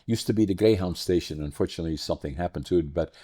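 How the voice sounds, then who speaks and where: A low, mellow voice races along as this Dutch podcast host, aged in his 80s, tells rambling stories. The conversation is a casual interview chat, and he frequently corrects himself mid-thought.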